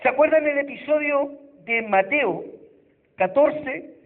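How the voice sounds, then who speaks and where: A man's voice: very high-pitched, takes it slowly. A Chilean man preaching a sermon as pastor, retelling a Bible passage and acting out the quoted voices with dramatic emphasis. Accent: Chilean Spanish. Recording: tinny phone-like church recording.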